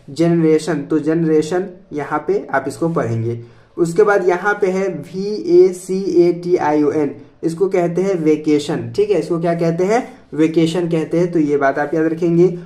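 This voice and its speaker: A man's voice: a little high, mellow. A man teaching pronunciation to students in a voice-over lesson, speaking, patiently repeating each point and spelling words out letter by letter. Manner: patient, repeats each point with "theek hai" and quiz-like questions.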